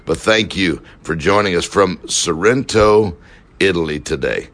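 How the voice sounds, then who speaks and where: A man with a very deep, low voice hosts a coaching podcast. He rattles through plugs and calls to subscribe in a casual, rambling way, filling gaps with quick fillers. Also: fairly bright tone. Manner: fast, loose outro with fillers. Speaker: podcast host, success coach. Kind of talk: podcast hosting and promotion.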